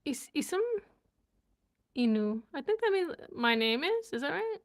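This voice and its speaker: A woman's voice: sits high, sing-song, a little slow. A young woman chatting casually on a live stream, giggling and sounding out words as she learns them. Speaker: vlogger and language learner.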